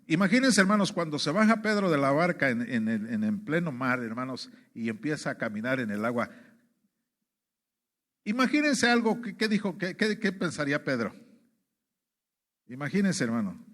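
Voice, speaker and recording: Male preacher from Mexico, high voice, sermon delivery full of repeated "brothers" and rhetorical questions. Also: sing-song, normal speed, fairly bright tone.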